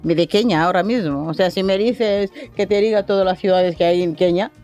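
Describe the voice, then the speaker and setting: A woman's voice: fairly low pitch, fairly quick, dark tone, soft background music. A woman guest on a podcast, talking in a direct, matter-of-fact way. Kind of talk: casual chat.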